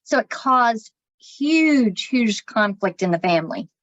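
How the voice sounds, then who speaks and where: A woman chats casually as a podcast co-host, her voice sitting a bit high. She swears freely as she tells the story. The sound is dry and a little dull, as if recorded close in a small space on modest gear. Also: animated, slow, no echo. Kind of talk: casual chat.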